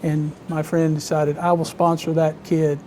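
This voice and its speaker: A man with a Southern US accent from Alabama, telling stories conversationally as an interview guest, in a halting, measured way with frequent pauses. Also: fairly high pitch, little pitch movement, dark tone, a little hiss or hum. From Alabama, United States. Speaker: interview guest, vintage biplane owner and pilot.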